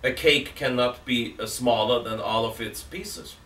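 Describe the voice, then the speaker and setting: Middle-aged priest reasoning aloud, roomy sound. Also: male voice, mid-range voice, unhurried, fairly bright tone. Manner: reasoning aloud, emphatic rhetorical questions; gestures with both hands while talking. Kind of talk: seated catechism talk. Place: indoor room with armchair. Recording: roomy, distant from mic, faint hiss.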